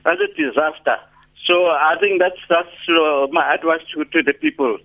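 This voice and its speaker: A man from the Free State calling in to a radio show, heard over a clipped telephone line and talking haltingly as he searches for words. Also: on the high side, very animated, gravelly. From Free State, South Africa. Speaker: radio caller. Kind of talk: call-in radio comment. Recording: tinny lo-fi phone line.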